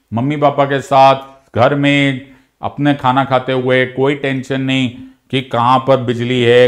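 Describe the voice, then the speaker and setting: This medium-pitched male teacher with an Indian accent runs an online exam-prep lecture, switching between Hindi and English. He asks and answers his own questions, and he is frank with students, scolding before offering encouragement.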